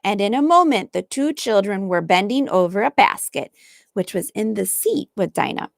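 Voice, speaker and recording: A woman teacher reading a classic storybook aloud slowly and clearly for English learners. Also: medium pitch, expressive, no echo, studio quality. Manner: slow, clearly articulated reading.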